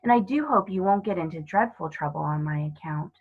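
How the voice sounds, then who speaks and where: A woman voicing a kind, innocent little girl in a children's storybook, earnest, gentle and polite. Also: lowish voice, lively intonation, brisk, slightly rough, phone-quality sound. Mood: forgiving, kind.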